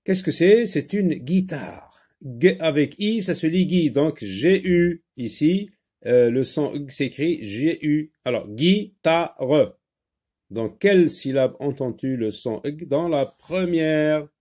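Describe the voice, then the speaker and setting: Slow, patient male phonics teacher. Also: fairly high pitch, expressive, dark tone. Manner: slow, patient, repeats words and syllables. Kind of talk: French phonics lesson for children.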